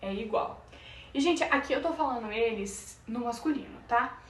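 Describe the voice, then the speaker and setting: A woman with a Brazilian Portuguese accent teaching a Spanish lesson, stretching out example words slowly. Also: on the high side, far from the mic, slight background noise. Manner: slow, drawn-out pronunciation of example words. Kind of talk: online language lesson. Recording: echoey room, voice off-mic.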